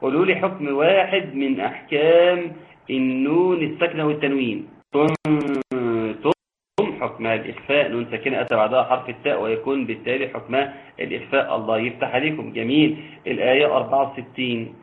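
A man with an Egyptian Arabic accent teaching an online tajweed lesson, talking briskly in explanations and reciting verses slowly in a chanting voice. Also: mid-range voice. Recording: tinny phone-like line, faint noise.

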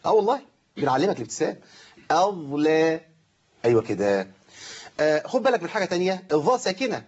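A man's voice: on the high side, sing-song, fast, darkish tone, muffled recording. A man with an Egyptian accent teaching Quran recitation on a live show, stretching out demonstration phrases and quizzing his students. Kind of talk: live TV recitation lesson with call-ins.

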